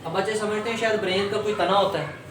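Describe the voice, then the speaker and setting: A man's voice: sits high, steady tone, quick pace, roomy sound, recorded from a distance, background noise. A male teacher gives a classroom lecture, calling his students "beta" and repeating his own questions and answers.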